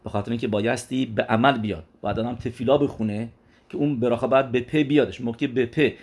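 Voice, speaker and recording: A man teaching a religious lesson at a steady middle pitch. He keeps putting questions to his listeners and answering them himself, with Hebrew religious terms dropped into his sentences. He often goes back over a phrase and starts it again as he works through each point. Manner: repeats and restarts phrases while explaining.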